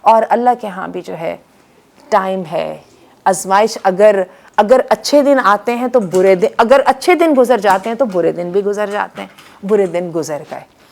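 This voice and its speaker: A woman delivering an Islamic storytelling lecture as a religious teacher, telling the story in an animated way, mixing in English words and reciting Quranic Arabic verses. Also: medium pitch, gravelly.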